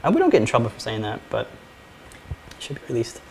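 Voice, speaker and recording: A man's voice: mid-range voice, wildly swooping pitch, quick pace, vocal fry, slight background noise. A man co-hosting a casual electronics project show, joking and laughing as he demonstrates hardware. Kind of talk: casual live show chat.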